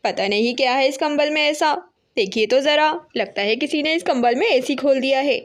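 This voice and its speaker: A woman's voice: high-pitched, normal speed, close to an everyday voice. A woman voicing a fussy, indignant female crow talking to her husband.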